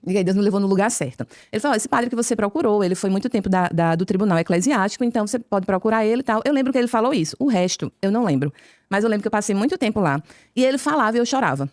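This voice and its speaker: A woman with a Brazilian Portuguese accent, a podcast guest telling her conversion story as a lively storyteller who acts out each exchange of dialogue. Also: medium pitch, very fast, no echo, clean studio sound. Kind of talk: conversion testimony told as a story.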